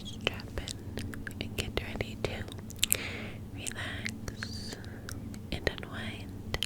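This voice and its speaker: A woman hosting an ASMR ramble in a breathy, cupped-hand whisper, lingering on and repeating words. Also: very slow. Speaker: ASMR host.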